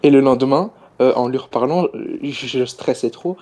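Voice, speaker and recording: A man's voice: medium pitch, moderate pace, warm tone. A young man calling in to a stream, telling an embarrassing story with many hesitations. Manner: hesitant, many fillers and restarts. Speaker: caller. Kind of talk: casual confession story.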